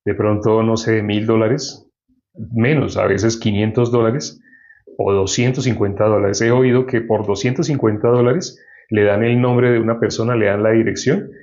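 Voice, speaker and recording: His voice is lowish and a little mellow as he reads from the Bible during a sermon, explaining the text and asking the congregation questions. The recording quality is dull and lo-fi.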